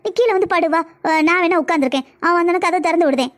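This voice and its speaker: A woman's voice: extremely high pitch, rapid-fire. A woman voicing a caring older mother-in-law in a cartoon, with a southern Tamil accent and a soothing, coaxing way of talking. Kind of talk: cartoon voice acting.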